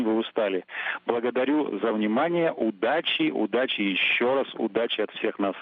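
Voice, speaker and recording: A man's voice: mid-range voice, no room sound. A mission control officer, a man, giving a formal, courteous greeting over a radio link. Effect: tinny, dry radio link. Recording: narrow-band dry radio channel.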